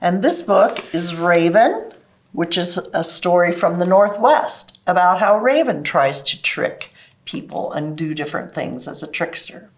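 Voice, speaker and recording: Woman with lively, swooping intonation. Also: lowish voice, unhurried. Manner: simple step-by-step explaining to children. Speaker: children's library program host. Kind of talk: children's craft lesson and storytime talk.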